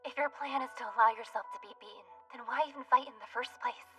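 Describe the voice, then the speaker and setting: A woman's voice: a little high, fast talker, a bit bright, close to an everyday voice. An actress playing a poised, earnest young female noble student, composed and firm, in an anime dub. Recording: distant voice over music.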